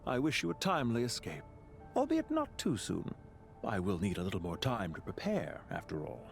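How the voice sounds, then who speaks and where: An actor playing a composed, philosophical man in a video game, speaking in formal, deliberate phrases. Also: on the low side, wildly swooping pitch, vocal fry, exaggerated voice. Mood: solemn, cool. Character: composed, philosophical man bidding a measured farewell. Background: music.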